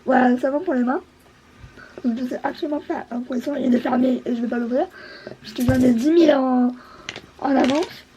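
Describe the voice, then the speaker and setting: A woman's voice: sits high, a little fast, warm tone, a little hiss or hum, poor audio. A woman beauty vlogger chatting casually, hesitant and full of fillers. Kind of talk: casual chat.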